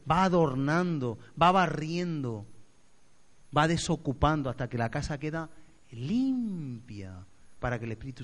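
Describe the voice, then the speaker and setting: Expressive male pastor preaching. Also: a little high. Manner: expressive, acts out voices, swings loud to soft. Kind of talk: sermon.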